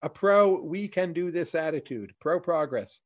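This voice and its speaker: A man, a guest in an interview, explaining his views in a measured way, in plain short lists. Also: on the high side. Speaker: economist guest. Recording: dull lo-fi audio.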